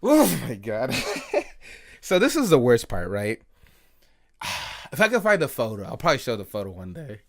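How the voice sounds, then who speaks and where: A man's voice: mid-range voice, sing-song, fairly quick, fairly bright tone. A young man telling a rambling, profane late-night story, packed with fillers and asking "right?" again and again. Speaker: vlogger.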